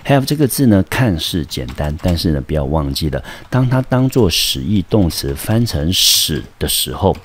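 A man teaching English vocabulary and grammar in a recorded lesson, explaining slowly and carefully with frequent rhetorical questions, in Taiwanese Mandarin. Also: deep voice, sing-song, slight background noise. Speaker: high school English teacher.

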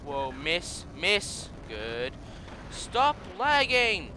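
A young man commentates his racing game in a high, swooping voice that is bright and sharp and very slow in pace. He swears and yells at the other racers, and his voice sounds worn from shouting. A faint hiss sits under the recording. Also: wildly swooping pitch. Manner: frustrated, swears and yells at opponents. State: voice strained. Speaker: let's play gamer. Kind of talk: gameplay commentary.

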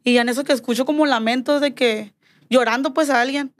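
A woman's voice: sits high, a little fast. A woman telling a personal story as a podcast guest, in a chatty way that acts out quoted dialogue. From Mexico. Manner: animated, acts out quoted dialogue, repeats "me dijo". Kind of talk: casual storytelling chat.

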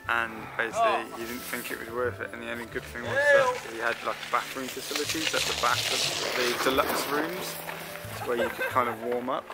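A man's voice: mid-range voice, animated, a little fast, loud music behind the voice, poor audio. A man casually chatting in a travel vlog, laid-back and dry. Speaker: vlogger.

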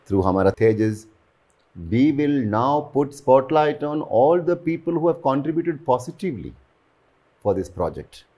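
A very animated man with a dark, mid-range voice hosts a promotional interview at a moderate pace. He is an aerospace and defense journalist, earnest and prone to "you know" fillers, recorded in a living room indoors.

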